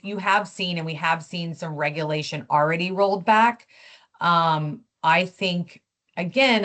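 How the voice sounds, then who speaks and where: A woman's voice: fairly low pitch, a bit bright. A woman on a video call giving a policy update in a webinar, conversational and full of fillers and restarts. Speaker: policy speaker.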